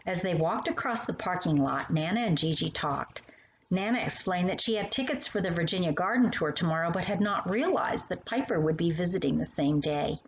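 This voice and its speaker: A woman with a fairly low, animated voice reads her own storybook aloud at a brisk pace, speaking directly to the young children listening. The recording sounds dull and lo-fi, with faint noise.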